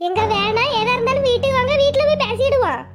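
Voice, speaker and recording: A woman voicing a quarrelsome, sharp-tongued village wife who wails and curses. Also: extremely high pitch, quick pace, over loud music. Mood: pleading. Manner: wailing, scolding, cursing. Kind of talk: cartoon voice acting.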